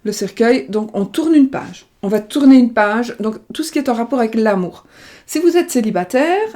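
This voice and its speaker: A middle-aged woman from France lays out cards and talks through a casual reading. Her voice is mellow and soft, never sharp. She rambles, circles back and trips over her words with plenty of fillers. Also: a little high, expressive, moderate pace. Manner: rambling, many fillers and restarts. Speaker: tarot card reader. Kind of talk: casual card-reading livestream. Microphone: webcam or desk mic, video call style.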